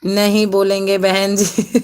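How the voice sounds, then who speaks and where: A woman's voice: medium pitch, monotone, takes it slowly, darkish tone, smooth. Woman on a phone live, greeting viewers one by one, lots of laughing. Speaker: live stream host. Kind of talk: casual live-stream chat reading comments.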